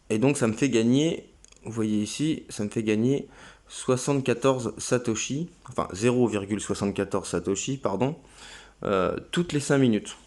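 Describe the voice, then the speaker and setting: A man with a lowish voice and a darkish tone hosts his own crypto channel. In a casual, screen-recorded walkthrough, he guides viewers through a website, sounding hesitant and using plenty of fillers.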